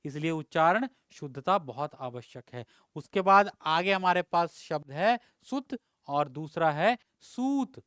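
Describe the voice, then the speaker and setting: A man's voice: a little high, a bit bright, clear, resonant tone, no room sound, clean studio sound. A male teacher giving an exam-prep Hindi lesson, explaining words with rhetorical questions and frequent checks of "ठीक है".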